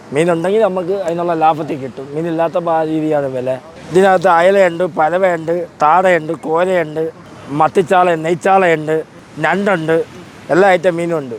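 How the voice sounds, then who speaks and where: A male fish seller with a Kerala Malayalam accent, giving loud, repetitive sales patter outdoors. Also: a little high, normal speed, slight background noise. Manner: loud repeated beckoning and listing. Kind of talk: street vendor sales patter. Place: outdoor beach fish market.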